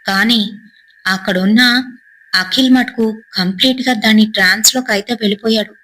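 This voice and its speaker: A woman's voice: steady tone, normal speed, a bit bright, poor audio. A woman narrating a horror story, acting out the characters' frightened cries. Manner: dramatic, voices characters' cries with a raised pitch.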